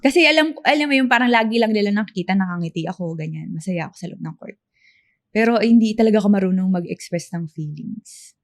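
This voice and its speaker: A young woman in her twenties from the Philippines, co-hosting a podcast in casual chat, soft-spoken and hesitant. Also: mid-range voice, lively intonation, fast talker. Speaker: podcast co-host.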